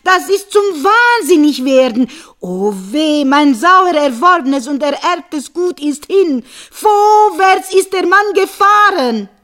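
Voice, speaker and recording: Woman reading as an exasperated farm husband, loud, frantic, voice flying high. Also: animated, unhurried. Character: exasperated desperate peasant husband.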